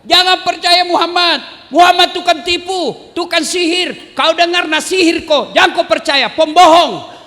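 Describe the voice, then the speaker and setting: A man preaching voices a blind old man in a market who shouts insults and later speaks with regret. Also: very high-pitched, moderate pace, voice pushed up. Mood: angry shouting. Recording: reverberant mosque hall over loudspeakers.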